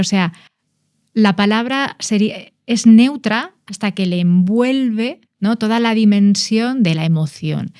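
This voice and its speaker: A woman's voice: medium pitch, dark tone, no room sound, clean studio sound. A woman who is a guest on a podcast, explaining nonverbal communication in a conversational way and stressing key words with frequent restarts. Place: podcast studio.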